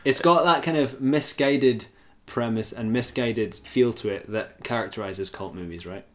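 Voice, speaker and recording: A man's voice: mid-range voice, normal speed. A man co-hosting a casual film chat, wry and mocking in his jokes. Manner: wry, mocking, laughs often. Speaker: podcast co-host.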